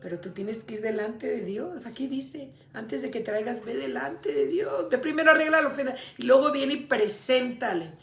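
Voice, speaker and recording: A woman's voice: on the high side, animated, moderate pace, hardly any pauses, fairly bright tone, reverberant. A woman preaching a sermon in a conversational way, often turning to her listeners directly.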